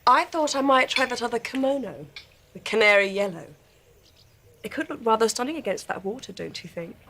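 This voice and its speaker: An actress playing a self-assured young mistress in a period television drama, haughty and languid, with an upper-class English accent. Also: female voice, fairly high pitch, expressive, a little fast, bright, forceful tone, slight background noise. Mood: smug. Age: young adult.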